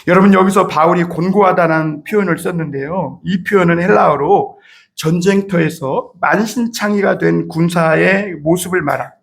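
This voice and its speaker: A middle-aged male pastor preaching a Sunday sermon in a church. His voice sits high for a man, and he turns emotive, climbing into shouts on key lines. He keeps calling out to the congregation. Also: gravelly. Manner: addresses the congregation often. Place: church sanctuary.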